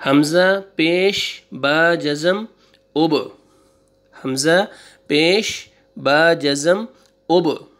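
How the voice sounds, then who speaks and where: A man with a Pakistani Urdu accent teaching a Quran reading lesson, slowly drawing out syllables for pupils to repeat and then adding quick explanations. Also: on the high side, a bit bright. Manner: slow, drawn-out drilling of syllables with quick asides. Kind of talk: online recitation lesson.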